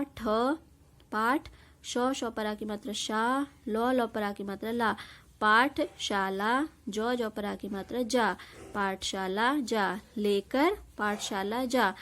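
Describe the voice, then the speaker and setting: A young woman teaching kindergarten children, sounding out each letter and vowel sign slowly, then repeating the whole word, with questions and praise. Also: fairly high pitch. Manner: asks questions and praises answers. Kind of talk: slow, spelled-out lesson for young children.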